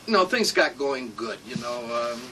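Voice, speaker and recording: A man's voice: mid-range voice, expressive, moderate pace, pushed and bright. An elderly American man, a war veteran, remembering his service in a rambling, salty, informal interview. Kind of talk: informal oral-history reminiscence. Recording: distant mic with room hum.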